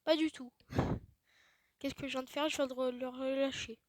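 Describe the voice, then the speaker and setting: A woman giving casual gaming commentary, chatty and self-mocking, often dropping into quiet muttered asides. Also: high-pitched, fairly even intonation, moderate pace, no echo. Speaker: let's play host.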